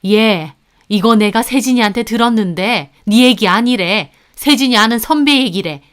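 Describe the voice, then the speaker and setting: A scornful middle-aged mother-in-law, sharp and scolding, as a woman puts her on. She speaks in a smooth, clear voice set a little high. She defends her daughter and scolds in every line. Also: moderate pace, lightly acted. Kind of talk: narrated story with acted dialogue.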